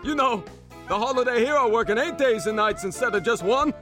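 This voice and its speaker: A man playing a showy coffee shop owner who pitches a holiday deal in a radio ad, full of puns and mock curses. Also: fairly quick. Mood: salesy. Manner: showy, pun-filled salesman shtick with Yiddish curses. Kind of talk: radio ad spot. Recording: ad read over music.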